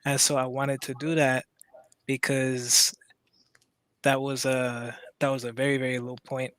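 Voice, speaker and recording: A man from Maryland calling in to tell a personal story, halting and full of restarts. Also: medium pitch, little pitch movement, a bit bright, no room sound. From Maryland, USA. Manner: hesitant, halting, many restarts. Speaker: caller.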